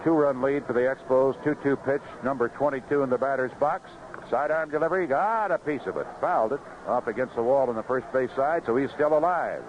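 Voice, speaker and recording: Fairly quick and medium in pitch, a man delivers live baseball play-by-play over the radio, keeping things folksy and conversational between calls. He sits in an outdoor ballpark booth, heard through a dull, noisy vintage 1970s broadcast.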